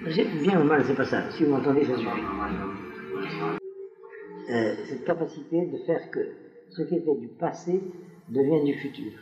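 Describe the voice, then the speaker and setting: A man lecturing to a room full of listeners in a mid-pitched voice, drifting into side remarks and checking whether they follow. The sound is roomy, with noticeable echo. A faint trace of music sits far in the background. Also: moderate pace, pauses often, darkish tone, dull audio. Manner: digressive, often turns to the audience with questions. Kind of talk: spoken lecture to a live audience. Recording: echoey room recording.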